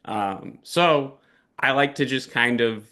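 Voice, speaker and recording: A man from California's Bay Area, a guest trader in a casual interview, talking in a relaxed way full of "like". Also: medium pitch, slow. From San Francisco Bay Area, California. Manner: relaxed, peppers speech with "like".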